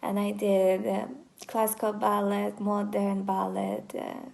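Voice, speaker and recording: Young brazilian woman vlogging, slow and kinda hesitant, bit of fry in the voice. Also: medium pitch, completely flat delivery, darkish tone. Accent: Brazilian Portuguese. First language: Portuguese. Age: 20s. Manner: hesitant, with fillers and restarts. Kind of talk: casual self-introduction vlog.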